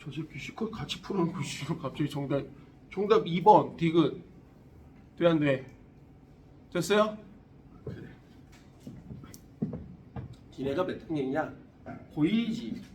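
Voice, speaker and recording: A man in his forties teaching a high school science class, blunt and teasing, swearing often. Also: animated, normal speed, pauses often. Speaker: science tutor. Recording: classroom recorded from a distance, faint room noise.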